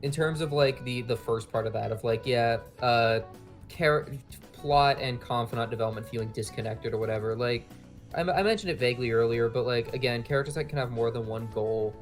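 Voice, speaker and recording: A man's voice: mid-range voice, a little fast, soft background music. A man in casual debate chat, talking loosely with lots of fillers and the odd swear word.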